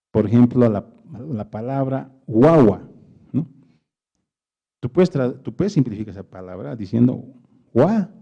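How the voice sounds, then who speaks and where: A man lectures to an audience and answers their questions. He stops often to search for words. His voice is deep-toned, dark and gravelly, and the recording sounds muffled and lo-fi. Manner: hesitant, searching for words with many pauses. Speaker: invited speaker at a public talk.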